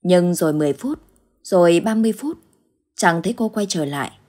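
A woman narrating a ghost story in steady, measured scripted storytelling. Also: fairly low pitch.

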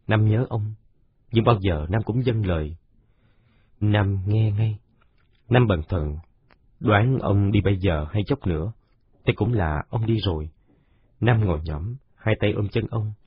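A man narrating a children's story in a steady, unhurried way. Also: fairly low pitch, slightly rough. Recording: dull lo-fi recording.

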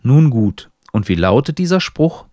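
A man's voice: mid-range voice, very animated, unhurried, warm tone, no echo, clean studio sound. A man voicing a grumpy, impatient fellow who grumbles and answers sarcastically. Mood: grumbling.

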